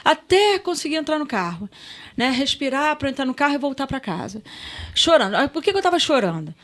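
High-voiced woman from Rio telling a story. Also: fairly quick. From Rio de Janeiro, Brazil. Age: middle-aged. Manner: lively, emotional storyteller who swears casually. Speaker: guest. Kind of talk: casual storytelling in a podcast chat.

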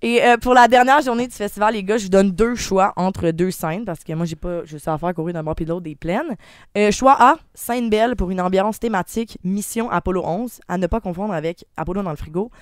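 A young woman with a Québécois French accent, co-hosting a radio show in playful, excited chat, joking and stammering through fillers. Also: mid-range voice, dry recording, clean studio sound. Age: young adult. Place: radio studio.

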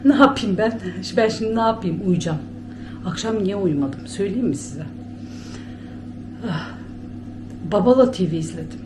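A woman's voice: mid-range voice, lively intonation, moderate pace, long pauses, noisy background. A chatty woman with a Bulgarian Turkish accent, talking casually to her camera at home as she rambles and laughs often. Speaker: vlogger. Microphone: handheld camera.

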